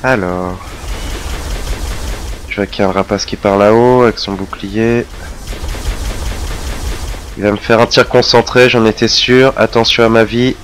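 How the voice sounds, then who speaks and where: Low-voiced chatty French gamer man. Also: measured pace, long pauses, a little hiss or hum. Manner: chatty, self-mocking, excitable. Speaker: let's play gamer. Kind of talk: casual gameplay commentary.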